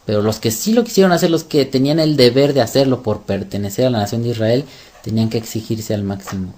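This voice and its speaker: A man gives a sermon-style scripture lesson in a voice of ordinary pitch. He stresses his points hard and keeps asking rhetorical questions. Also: fast talker, dark tone. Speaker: religious teacher. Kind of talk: sermon-style Bible teaching.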